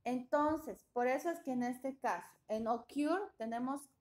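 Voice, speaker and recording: A woman's voice: sits high, unhurried, darkish tone. A woman teaching an English grammar class, explaining patiently and often checking that students follow.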